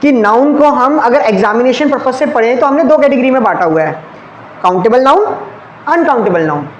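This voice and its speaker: A man's voice: extremely high pitch, expressive, brisk, lo-fi sound. Echoey male teacher quizzing his class. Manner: asks questions and answers them himself; checks often with "clear?" and "okay". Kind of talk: exam-prep grammar lesson. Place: classroom with ceiling fans. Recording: echoey room, faint background hum.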